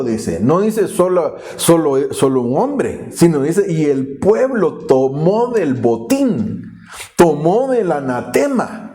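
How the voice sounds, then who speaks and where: A man's voice: on the high side, a little mellow. A male pastor, preaching an earnest, explanatory sermon with frequent restarts.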